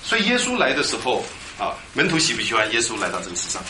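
A man preaching a lively Bible teaching sermon, quizzing his congregation and drilling them on Greek words. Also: medium pitch, fast. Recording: echoey hall with background noise.

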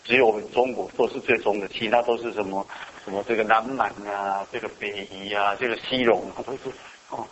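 A man's voice: fairly low pitch, steady tone, quick pace, fairly bright tone, slight background noise, poor audio. A man preaching a sermon as pastor, often asking the congregation questions and answering them himself.

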